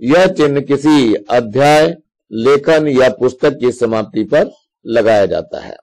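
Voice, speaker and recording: A man teaching Hindi grammar to young students on video. His voice sits at a middle pitch, and he explains patiently, going through examples one step at a time. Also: slow pace, a little mellow, poor audio.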